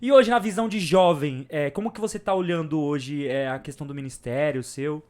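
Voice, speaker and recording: A man with a Brazilian accent, co-hosting a podcast and asking questions in a measured, affirming way. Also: fairly high pitch, a little mellow. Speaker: podcast co-host. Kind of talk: casual podcast chat.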